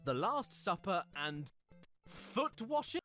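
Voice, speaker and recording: Animated sarcastic man narrating. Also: high-pitched, takes it slowly, faint music behind. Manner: sarcastic, animated, mock-dramatic. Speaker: video essay narrator. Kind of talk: comedic game review narration.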